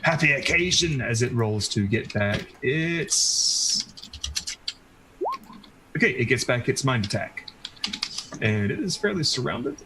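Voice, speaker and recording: A man's voice: medium pitch, expressive, moderate pace. Man game master over noisy stream audio. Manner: casual, hesitant narration with fillers. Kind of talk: narrating a tabletop game.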